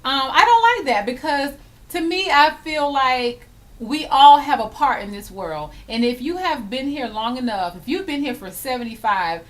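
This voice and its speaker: A woman's voice: high voice, animated, normal speed. A woman in her thirties, a hair vlogger, chatting casually and emphatically while acting out little scenes. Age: 30s. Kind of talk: casual chatty vlog tag.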